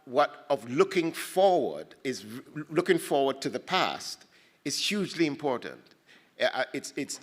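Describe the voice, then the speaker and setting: Halting, thoughtful man in a reverberant hall. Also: medium pitch, a bit bright. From Ghana. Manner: halting, many restarts, thoughtful. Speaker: panel speaker at a poetry festival. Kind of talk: reflective panel talk.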